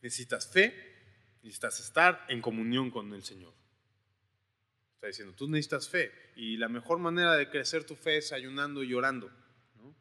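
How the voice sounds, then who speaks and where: A man preaches in a loose, conversational way and keeps checking in with his listeners. His voice is bright and forward, at a middle pitch. A long reverb rings after his words, as in a large hall. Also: expressive, normal speed. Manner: informal, questioning asides, retells scripture in voices. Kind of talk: conversational sermon.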